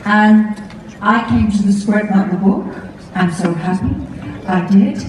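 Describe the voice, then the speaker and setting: A woman's voice: mid-range voice, a little slow, a little mellow, a little hiss or hum. A woman answering as a guest on a live panel, wry and self-mocking. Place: large arena theatre. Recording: echoey arena from far off.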